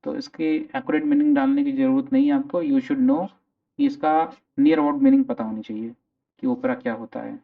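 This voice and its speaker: A man's voice: sits high, very animated, brisk, vocal fry. Man teaching on a tinny line. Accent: Indian English. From India. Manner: explains in mixed Hindi and English, asking and answering his own questions. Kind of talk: classroom vocabulary lecture. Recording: tinny phone-like sound.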